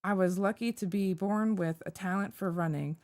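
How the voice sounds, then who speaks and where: A woman's voice: medium pitch, normal speed, a little mellow, lightly acted. A woman voicing an earnest, determined young female racer, reading skit lines aloud as if rehearsing. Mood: wistful.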